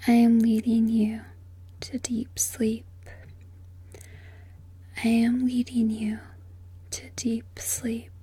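A woman whispering a sleep hypnosis script in a slow, soothing, repetitive way. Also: fairly high pitch, warm tone, no room sound. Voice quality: breathy.

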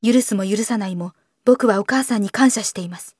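A woman voicing a reserved young man who answers in a restrained, quiet but firm way. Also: medium pitch, fast, breathy edge, no echo, studio quality, close to an everyday voice. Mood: subdued.

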